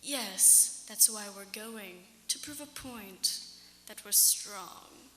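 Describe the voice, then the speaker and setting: A woman's voice: mid-range voice, drawn-out words, pushed and bright, slight background noise, full character voice. A woman voicing a confident, dismissive frog pirate in a tall tale told in an echoey hall. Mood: stubborn, huffy. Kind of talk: tall tale character acting.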